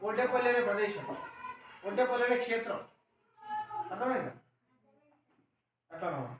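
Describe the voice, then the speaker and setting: A man's voice: very high voice, expressive, normal speed, a bit bright, far from the mic, slight background noise. Male schoolteacher, Telangana accent, patient call-and-response lesson, recorded from across an echoey classroom. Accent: Telangana Telugu. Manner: patient, explains words and asks questions. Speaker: teacher.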